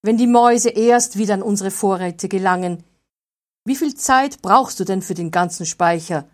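Woman doing a gruff, snapping steward. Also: mid-range voice, moderate pace, a little mellow, natural voice. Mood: angry. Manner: snapping, growling. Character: gruff, harsh male steward of a count.

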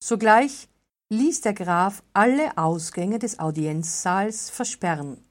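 A woman narrating a fairy tale in a steady, deliberate reading. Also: medium pitch. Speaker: storyteller.

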